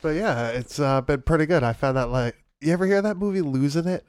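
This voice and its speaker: A man's voice: fairly high pitch, a little fast, clear, resonant tone, no echo. A man with a nasal voice stuffed up by a cold, hosting a casual, slangy movie podcast. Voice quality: nasal, congested. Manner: informal, slangy, sweary. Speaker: podcast host.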